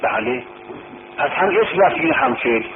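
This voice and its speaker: A man's voice: on the high side, wildly swooping pitch, creaky. Man teaching grammar over a tinny line. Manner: patient, repeats terms and quizzes the student. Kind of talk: informal tutoring lesson. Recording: tinny phone-like recording with background noise.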